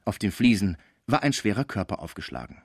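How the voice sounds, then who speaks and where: A man's voice: fairly low pitch, very animated, fairly quick, vocal fry, a little mellow, husky, no echo, clean studio sound. A man narrating a novel as an audiobook, reading expressively. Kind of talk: scripted narration.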